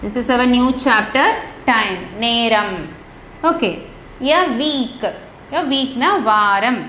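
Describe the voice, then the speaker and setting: A woman's voice: fairly high pitch, drawn-out words, pushed and bright. A woman with a Tamil accent teaching a lesson to young children. She switches between Tamil and English and spells out words letter by letter. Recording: echoey room with faint noise.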